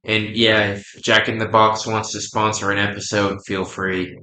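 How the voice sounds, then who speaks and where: Bright-voiced joking young man. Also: on the low side, level tone, normal speed, slight background noise. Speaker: podcast co-host. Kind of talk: casual chat. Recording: echoey room.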